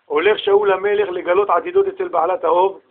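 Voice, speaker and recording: A man giving a religious sermon in a casual slangy way, animated and acting out the people in his stories. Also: sits high, phone-quality sound. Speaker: religious lecturer. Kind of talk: Torah sermon told in street slang.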